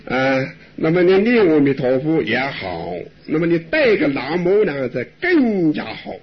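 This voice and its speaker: An older man, a monk, giving a gentle, chuckling Buddhist talk in an unhurried way. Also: on the high side, very animated, a crowd in the background. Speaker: elderly monk answering questions. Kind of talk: dharma talk with live interpretation. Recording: dull lo-fi recording with faint hiss.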